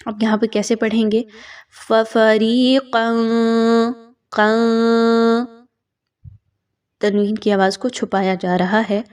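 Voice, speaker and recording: A woman teaching Quran recitation rules, explaining patiently and then reciting each word slowly. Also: medium pitch, little pitch movement, darkish tone, recorded from a distance.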